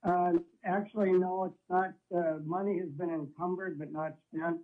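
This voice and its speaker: A man's voice: high-pitched, steady tone, moderate pace. Man on a crackly phone line. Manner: polite, explains with hesitant fillers. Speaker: city staff member answering council questions. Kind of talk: calling in to a council meeting. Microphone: phone call.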